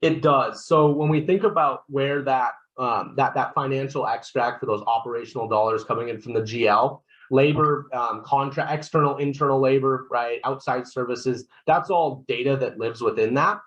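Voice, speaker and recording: A man presenting a software product walkthrough on a webinar. He explains steps one by one, keeps checking in with "right?", and often restarts his sentences. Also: mid-range voice, moderate pace, hardly any pauses, dull audio. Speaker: solution consultant presenting a software demo.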